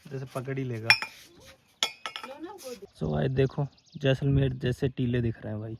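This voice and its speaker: A man with a hoarse, scratchy throat narrating a casual outdoor vlog as he walks over dunes and up a forested hill, chatting to his viewers. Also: mid-range voice, steady tone, measured pace. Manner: chatty, keeps calling viewers "brother". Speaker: vlogger.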